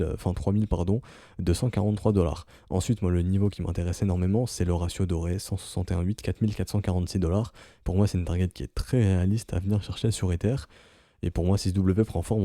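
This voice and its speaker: Deep, dark-voiced man analyzing charts. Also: dry recording, studio quality. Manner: explanatory, peppered with "ok?" and "hein". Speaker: crypto market analyst. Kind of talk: casual chart analysis commentary.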